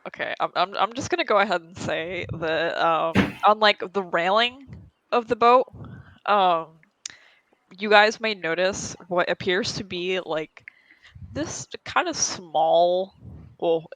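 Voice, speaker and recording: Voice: mid-range voice, slow, a bit bright, no echo, poor audio. A player describing a scene in a tabletop game, hesitant and apologetic, full of fillers.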